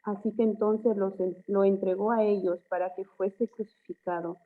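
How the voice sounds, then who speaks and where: A woman's voice: medium pitch, steady tone, normal speed. Woman reading scripture over a tinny line. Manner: reads with stumbles and self-corrections. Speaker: church member reading scripture. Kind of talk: reading Bible aloud.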